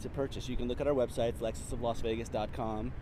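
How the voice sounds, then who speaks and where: A man's voice: mid-range voice, fairly even intonation, quick pace, background noise. A man in his thirties, a car dealership finance manager, chatting upbeat with lots of filler ums while walking an outdoor lot, recorded on a phone held at arm's length. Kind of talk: casual walk-and-talk promo. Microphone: phone camera at arm's length.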